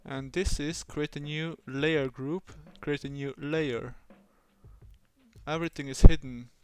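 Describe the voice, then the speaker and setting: A man livestreaming his design work in a fake British accent, rambling playfully to himself and his software. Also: a little high, fairly even intonation, slow, clean tone. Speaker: streamer. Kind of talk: livestream self-talk while doing design work.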